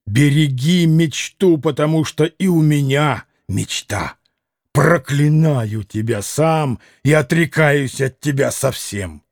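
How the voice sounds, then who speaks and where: A man's voice: a little high, expressive, slow pace, no echo, clean studio sound. A man voicing a hot-tempered, violent young man who bursts out in heavy, gasping, vehement lines. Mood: grim defiance.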